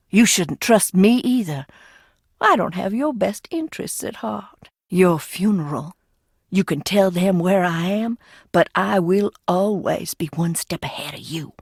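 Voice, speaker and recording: In a clean, echo-free studio recording, an actress with a fairly low, breathy voice plays an eccentric, mischievous, bitter Southern heiress in a video game, a secretive asylum graduate. Theatrical and sardonic, she swings between singsong teasing and hushed menace, sounding like a wary warning.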